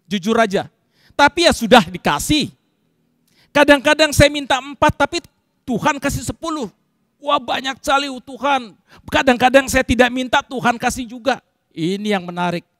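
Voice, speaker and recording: A man preaching a sermon to his congregation, addressing them directly and swinging between loud outbursts and quiet asides. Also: very high-pitched, normal speed, dry recording, clean studio sound. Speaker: pastor. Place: church service.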